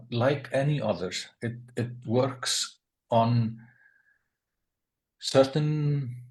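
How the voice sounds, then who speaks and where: A man from Iceland, speaking as a panelist in a webinar discussion and talking in a thoughtful way while he searches for the right words. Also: fairly low pitch.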